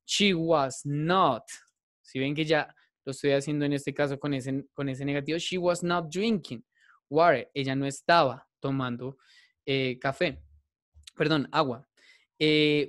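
A male teacher leads an online class, walking his students through each step and stopping often to check they follow. His voice sits a little high, and the sound is dry, with no room around it. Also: moderate pace, dry recording. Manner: patient, repetitive, checks in with "¿listo?". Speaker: English teacher.

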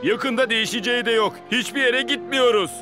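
An excitable young cartoon sailor, with a very high voice that stammers eagerly. Loud music plays behind him in the dubbed show. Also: male voice, brisk. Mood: gloomy.

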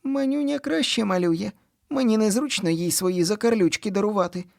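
A man voicing an excitable, earnest young boy in a children's audiobook. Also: brisk, gravelly. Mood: excited. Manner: high, lively boyish voice.

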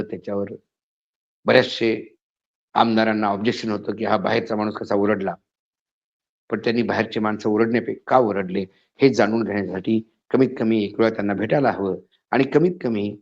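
A man giving an indignant spoken editorial, his voice rising to emphatic outbursts. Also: lowish voice. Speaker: political commentator. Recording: slightly dull lo-fi audio.

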